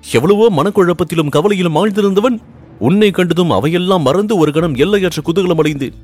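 A man voicing an ardent young prince, pitched high. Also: expressive, a little fast, husky, faint music behind. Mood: anguished. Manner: earnest, pleading, rising with emotion. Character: young Pandya prince, ardent and anxious lover.

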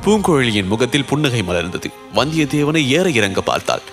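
A man reading a novel aloud as an expressive storyteller. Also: mid-range voice, brisk, soft background music. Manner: expressive, animated.

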